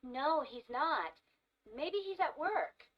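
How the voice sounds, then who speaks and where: An actress in a scripted textbook listening dialogue, speaking slowly and clearly as a woman answering about classmates. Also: high-pitched, big pitch swings, exaggerated voice. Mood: matter-of-fact. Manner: slow, careful, clearly articulated. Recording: dull audio played back from far off.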